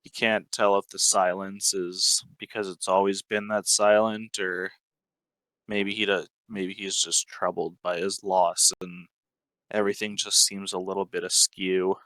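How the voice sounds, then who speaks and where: Slow, crisp-voiced man narrating a story. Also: sits low, little pitch movement, a bit bright, no echo, low-quality recording. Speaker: tabletop role-play player.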